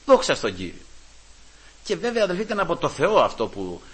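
A man preaching a sermon, fervently addressing the congregation as brothers and telling personal stories, moving between quiet asides and loud, emphatic peaks. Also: on the high side, wildly swooping pitch, breathy edge. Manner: fervent, keeps calling out to his brothers. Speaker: Pentecostal preacher.

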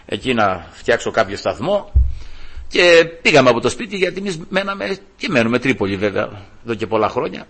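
An older man, a grandfather, preaching and telling a heartfelt story to his congregation, warm and emotional with many restarts. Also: fairly high pitch, slightly rough. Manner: emotional, animated, restarts often. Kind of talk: storytelling sermon.

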